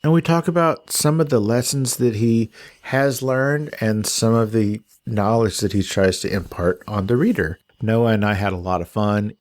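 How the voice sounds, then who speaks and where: A man's voice: on the low side, dry recording, studio quality. A man from Texas hosting a podcast interview, asking questions in a casual, teasing way and cracking jokes. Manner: joking, teasing, fast questions. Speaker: podcast host.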